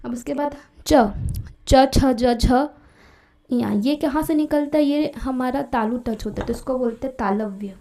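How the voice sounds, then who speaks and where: A woman's voice: fairly high pitch, dark tone, recorded from a distance. Woman teaching grammar in an echoey room. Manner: explanatory, repeats and checks with "theek hai". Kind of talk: exam-prep grammar lesson.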